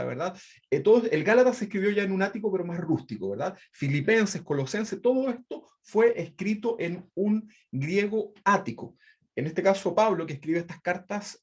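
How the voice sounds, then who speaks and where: High-voiced man teaching a Bible class. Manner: explanatory, repeats "¿verdad?" often, frequent restarts; refers to projected slides.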